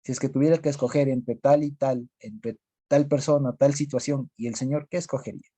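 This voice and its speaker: A man leads a group Bible study, halting and searching for words with many fillers. His voice is very dark and husky, recorded dry and close. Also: medium pitch, fairly even intonation, no echo.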